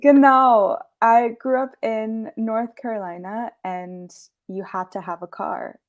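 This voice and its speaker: Born in Peru and raised in the US, a young woman talks easily as an interview guest, warm and laid-back with little laughs between phrases. Her voice is a little high and slow, and the audio sounds dull.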